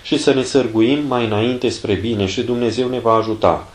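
A man's voice: mid-range voice, fairly even intonation, roomy sound, close to an everyday voice. A man reading as a stern, fatherly abbot. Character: older male abbot, stern yet fatherly.

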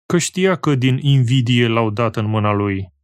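Man reading scripture, slow and measured. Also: mid-range voice, expressive, no room sound. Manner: slow, measured, phrase-by-phrase delivery. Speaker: scripture reader. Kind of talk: solemn Bible reading.

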